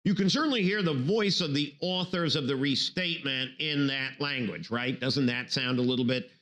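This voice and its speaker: Speaking at a moderate pace in a mid-range voice, a law professor from Brooklyn in New York City delivers a recorded bar review lecture. He's jokey and animated, filling the lesson with humor and silly put-on voices.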